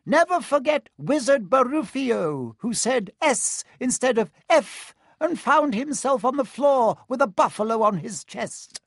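A man voicing a tiny, excitable old male wizard teacher with a squeaky voice and fussy, encouraging instructions. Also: unhurried, hardly any pauses, slightly rough, no room sound, clean studio sound, full character voice. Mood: instructive.

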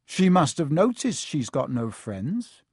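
A man's voice: fairly high pitch, very animated, slow pace, darkish tone, breathy edge, no echo, clean studio sound, heavily acted. A man voicing a sulky schoolboy in a grumbling, snappish way.

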